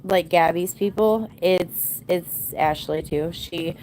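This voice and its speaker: A woman's voice: on the low side, takes it slowly, a little mellow, slight background noise, rough recording. A woman in her thirties ranting bluntly and sarcastically to her livestream viewers in casual chat. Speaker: livestream host.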